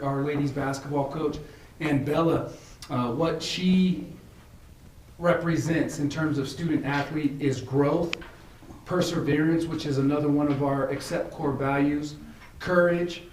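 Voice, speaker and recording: A man, a high school principal who is losing his voice, presents at a school committee meeting in a halting way, full of fillers and restarts. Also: fairly even intonation, darkish tone, slight background noise. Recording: echoey room from far off.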